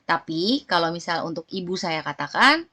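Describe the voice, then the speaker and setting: A woman giving a casual language lesson as a vlogger, chatting along and repeating example phrases slowly and brightly. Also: on the low side, very animated.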